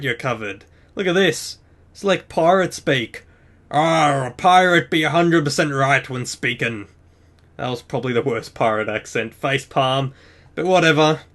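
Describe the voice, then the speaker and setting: A young man talks through a game tutorial in a casual voice-over. He sounds upbeat and chatty and drops in self-mocking asides. His voice sits a little high for a man.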